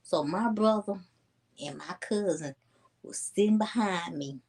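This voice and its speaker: A young woman tells a story to her viewers in a low, easy voice. She is chatty and animated, speaking casually and calling her audience "y'all.". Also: unhurried. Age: 20s. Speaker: vlogger.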